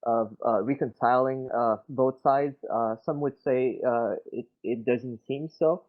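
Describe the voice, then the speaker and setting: A man from Quebec City, Canada, speaks English with a Québécois French accent in a casual discussion, musing aloud. He's thoughtful but hesitant, with many fillers and restarted sentences. His mid-pitched voice comes through a narrow, tinny voice-chat connection.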